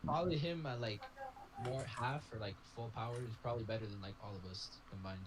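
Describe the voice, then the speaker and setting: A young man thinks out loud at a tabletop game, hedging his ideas and filling pauses with many fillers. A faint hiss sits under his voice. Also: mid-range voice. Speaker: player. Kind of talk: casual table talk.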